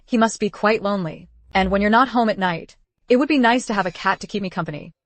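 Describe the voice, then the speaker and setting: Woman as a caring young wife, gently bossy, mid-pitched, period drama dub, dry studio sound. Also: fast talker, no echo, lightly acted.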